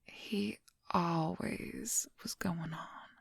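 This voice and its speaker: Portraying a possessive young werewolf woman for ASMR role-play, a woman whispers with great slowness and intimacy, her husky, breathy voice full of heavy fry. The pitch is fairly low, the intonation fairly even, and the heavily acted mood is quiet and resentful. Audio is close and dry, with no room sound.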